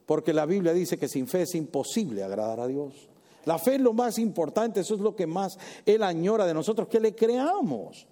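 Brief: a high, animated male preacher delivering a sermon, his voice ringing in a reverberant hall. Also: moderate pace. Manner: animated storytelling, switches into English exclamations.

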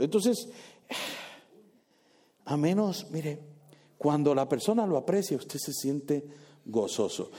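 In church, a man preaches with energy and a fairly high voice, quizzing his congregation and playing out little scenes as their pastor.

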